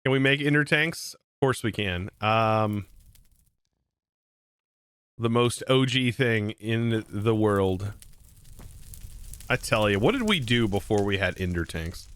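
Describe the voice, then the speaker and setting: A man in his thirties from the United States is streaming live, rambling and joking with his viewers and talking to chat between moves in his game. His voice is fairly low, expressive and smooth with a slightly bright edge, and he speaks slowly with frequent pauses.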